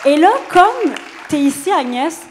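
A woman's voice: sits high, lively intonation, unhurried, in a large hall, a crowd in the background, noisy background. A Québécois woman hosting a live stage talk show, bubbly and teasing, laughing easily. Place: stage before a live audience.

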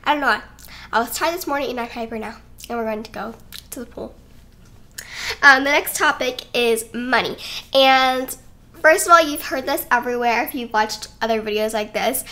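A high, bright young woman talks casually to her channel from home, rambling and giggly between points. She sounds a little out of breath, recorded close on a desk mic. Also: moderate pace. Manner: chatty and rambling, giggly, self-conscious. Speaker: YouTuber. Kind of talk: casual sit-down vlog talk. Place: home, indoors. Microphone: desk microphone.

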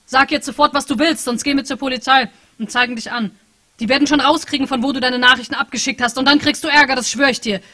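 A woman's voice: high voice, pushed and bright, voice pushed up. A woman reading the part of an agitated young male programmer, urgent and threatening. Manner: urgent, threatening, talks fast. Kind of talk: author reading a novel aloud.

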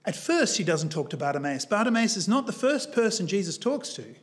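High-voiced earnest male preacher. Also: very animated, fairly quick. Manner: earnest, emphatic storytelling with shifting pace. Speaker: guest preacher. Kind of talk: sermon. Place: church.

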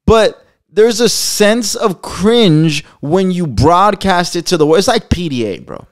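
A man's voice: high voice, expressive, measured pace. A man hosting a casual commentary show, talking in loose, slangy, profane bursts and laughing often. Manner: loose, rambling delivery with restarts. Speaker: commentary channel host.

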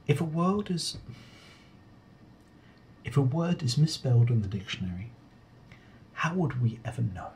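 A man doing a deadpan comedic call center role-play, halting and apologetic as he asks his questions. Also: mid-range voice. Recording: keyboard typing noise. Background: computer keyboard typing.

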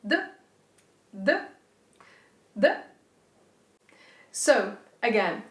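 A woman's voice: on the high side, reverberant. A middle-aged woman with an Italian accent giving an instructional pronunciation lesson, demonstrating rolled R exercises and enunciating example words. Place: indoor studio with plain backdrop.

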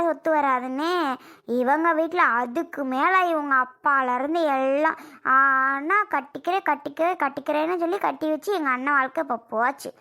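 A woman's voice: high-pitched, sharp tone. A performer voicing an indignant young woman who complains about her brother's wife in a family drama skit.

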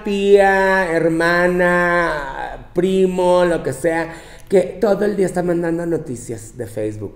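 A man's voice: high voice, vocal fry, exaggerated voice. A man doing a brash, scolding Mexican woman. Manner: brash, profane, scolding, with mocking quoted voices. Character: sassy, bossy young Mexican woman lecturing her girlfriends. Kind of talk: comic advice monologue. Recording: roomy, echoey room.

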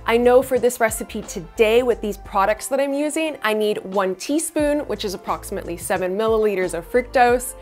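A woman in her thirties hosting a bubble tea recipe tutorial, explaining each step in a bright, upbeat way on a studio kitchen set with a lapel mic. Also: on the high side, a little fast, hardly any pauses. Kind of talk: scripted cooking tutorial. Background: soft background music.

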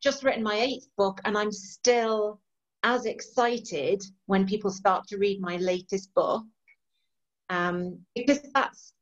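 Taking things slowly at a medium pitch, a woman in her forties gives a casual interview as an author via video call. She's from East Yorkshire, England, has a mixed Yorkshire and Irish accent, and sits in a home room lined with bookshelves, sounding enthusiastic and laughing easily. The audio is dull and lo-fi.

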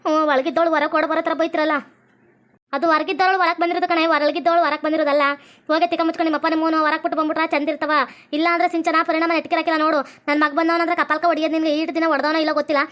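A bossy, scornful cartoon mother-in-law, voiced by a woman with a North Karnataka Kannada accent. She scolds and mocks in a very high voice at a breakneck pace. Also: little pitch movement, racing, a bit bright. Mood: scolding. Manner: scolding and mocking. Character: sharp-tongued middle-aged mother-in-law, bossy and scornful.

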